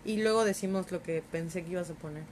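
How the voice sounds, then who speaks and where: A woman's voice: on the low side, quick pace, darkish tone, a little hiss or hum. A woman with a Mexican Spanish accent, co-hosting a casual chat with teasing remarks. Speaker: podcast co-host.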